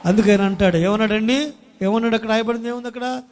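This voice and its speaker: Male pastor, high pitch, animated sermon with call-and-response, church hall with long reverb. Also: fast talker. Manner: animated preaching, calls Praise the Lord and hallelujah to the congregation; acts out quoted spouses in everyday scenes. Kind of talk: Sunday sermon.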